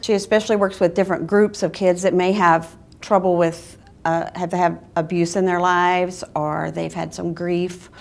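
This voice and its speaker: A woman's voice: on the low side, flat delivery, normal speed, creaky. A woman in an interview earnestly explaining a children's sponsorship program.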